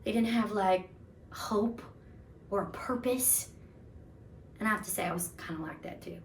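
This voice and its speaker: A woman's voice: medium pitch, moderate pace, vocal fry, distant mic, slight background noise, lightly acted. A woman playing a sincere, gushing young woman in an audition monologue. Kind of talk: audition self-tape monologue.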